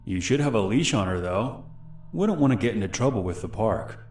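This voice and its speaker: Creepy young male stranger, soft and calm, quietly menacing, low deep tone, read by a man narrator. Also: brisk, reverberant, distant mic, lightly acted. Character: unsettling young adult male stranger posing as ranger.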